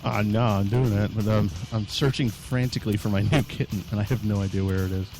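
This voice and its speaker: A man's voice: fairly low pitch, steady tone, brisk, a little mellow, faint music behind. A man co-hosting a podcast, chatting in a rambling, laid-back, joking way. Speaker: podcast co-host. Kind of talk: casual chat.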